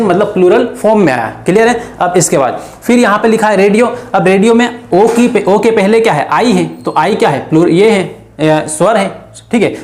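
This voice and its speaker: A male teacher giving an exam-prep grammar lesson, repeatedly asking and answering his own questions. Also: high voice. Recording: echoey room.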